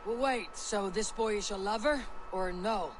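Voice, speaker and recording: A woman's voice: mid-range voice, unhurried, background noise, close to an everyday voice. A woman playing a dry, wry and bold Viking raider in a video game. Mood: puzzled. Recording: game ambience behind.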